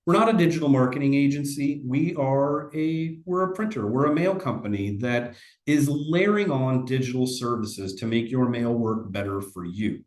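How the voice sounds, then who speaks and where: A man's voice: mid-range voice, moderate pace, hardly any pauses, a little mellow, roomy sound. A man giving a casual, conversational sales presentation in a webinar, often restarting his sentences.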